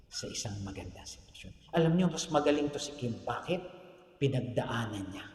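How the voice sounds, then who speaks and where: A man with a Filipino accent preaching a sermon, mixing Tagalog and English and asking the congregation "Amen?", sometimes dropping to a soft low voice and then pressing a point loudly. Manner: swings between soft low storytelling and loud emphatic points. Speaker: pastor. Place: church hall. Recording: roomy, echoey church hall.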